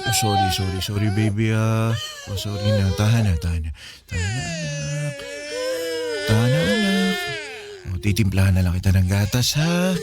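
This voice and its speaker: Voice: sits low, sing-song, a little fast, hardly any pauses, very noisy. A frantic young father. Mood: soothing, flustered. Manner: pleading, choked and frantic. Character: young father and husband, anxious and protective. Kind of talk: radio drama acting.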